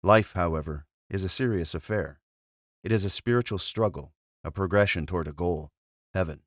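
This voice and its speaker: A man, a monk, reading a spiritual book aloud in a measured, earnest way after a brief casual intro. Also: sits low, no echo, clean studio sound.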